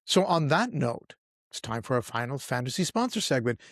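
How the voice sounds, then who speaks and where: A man co-hosting a history podcast in casual chat, measured and reflective. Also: mid-range voice, sing-song, a bit bright, dry recording, clean studio sound. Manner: reflective, measured, breaks into laughs. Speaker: podcast co-host.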